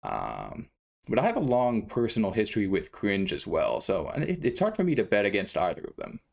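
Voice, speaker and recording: A low, gravelly-voiced esports caster swings widely in pitch at a moderate pace, chatting in a relaxed, wry way before the show as he troubleshoots stream audio. He's using a desk mic at a streaming setup.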